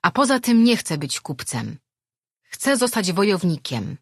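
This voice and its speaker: A woman's voice: medium pitch, big pitch swings, measured pace, husky, no echo, clean studio sound, pitched above the performer's own voice, heavily acted. Woman doing a stubborn, proud young boy. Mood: determined.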